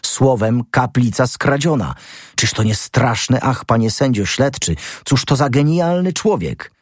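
Husky young detective guy, cocky, voice jumping way up when he gets going, a man putting him on. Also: a little slow, no room sound, studio quality. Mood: exalted. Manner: rising to excited, high-pitched outbursts. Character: young male amateur detective, brash and exalted. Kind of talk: audiobook character reading.

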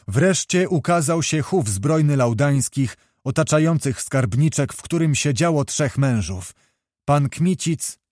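A man reading a classic novel aloud as an audiobook narrator, in steady, measured storytelling. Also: on the high side, no echo, studio quality.

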